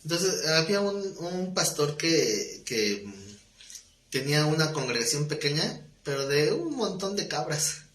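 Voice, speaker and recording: A man's voice: on the high side, sing-song, a little slow, a bit bright, echoey room. A man teaching a Bible study class in a conversational way, telling stories with acted dialogue and asking the class questions.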